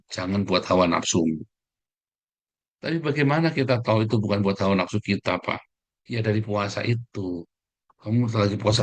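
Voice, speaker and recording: A man preaching an informal sermon, talking straight to his listeners and swinging between emphatic, raised phrases and hushed asides. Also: fairly low pitch. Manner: informal, addresses listeners directly with frequent "ya" and "saudara". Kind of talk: conversational sermon.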